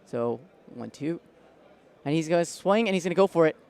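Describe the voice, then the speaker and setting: A man commenting live on a card game tournament at a convention centre, bursting with excitement. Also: on the high side, a little fast, clean tone. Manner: excitable, breathless bursts of hype.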